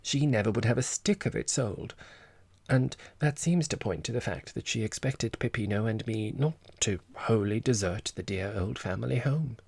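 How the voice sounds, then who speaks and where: A man's voice: fairly low pitch, normal speed, gravelly, darkish tone, husky, dry recording. A man voicing an affected, self-important society woman in an audiobook, with airy, theatrical phrasing and Italian endearments. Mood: gushing. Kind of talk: audiobook character voice.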